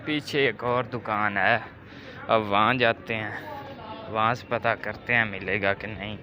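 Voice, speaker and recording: Walking outdoors through his village to a shop, this man from Pakistan talks casually to the camera, a slight soreness in his throat. He speaks on the low side with fairly even intonation and a slightly slow pace, his voice pushed and bright over soft background music.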